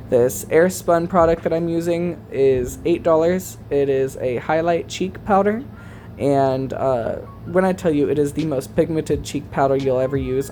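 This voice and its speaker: A man's voice: a little high, darkish tone. A man talking as a sassy, campy, chatty drag queen in a casual makeup tutorial voice-over.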